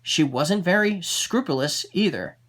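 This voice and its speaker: A storyteller reading a fairy tale aloud, expressive, with the odd small slip and restart. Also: medium pitch, measured pace.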